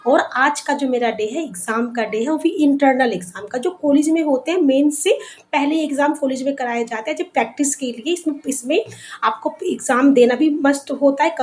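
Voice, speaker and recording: A woman's voice: high-pitched, darkish tone, a little hiss or hum. A young woman from Bihar, vlogging in a chatty way and often repeating words as she thinks. She walks along an outdoor village road and sometimes sounds out of breath. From Bihar, India. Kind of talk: casual vlog chat.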